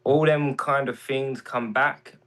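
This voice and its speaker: A man's voice: mid-range voice, steady tone, slow pace, poor audio. A man from England with a London accent, a guest on a casual chat show, talking hesitantly with lots of ums. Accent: London English. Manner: hesitant, many ums, soft-spoken.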